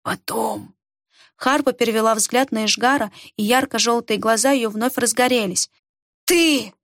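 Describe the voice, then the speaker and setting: A woman narrating a fantasy audiobook in a steady, expressive reading. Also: on the high side, a little fast, no room sound, clean studio sound.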